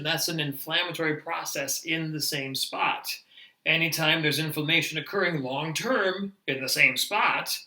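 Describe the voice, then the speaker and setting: A man teaching nurses in a lively, emphatic lecture, now and then laughing at himself. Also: on the high side, echoey room, low-quality recording. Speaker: nurse educator. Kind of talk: medical lecture.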